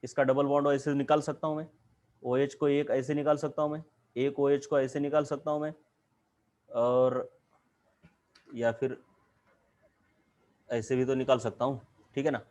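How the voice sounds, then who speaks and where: A man's voice: mid-range voice, little pitch movement, normal speed, long pauses, a little mellow. A man with an Indian accent teaching chemistry in a classroom lecture, drawing at a board and asking the class question after question.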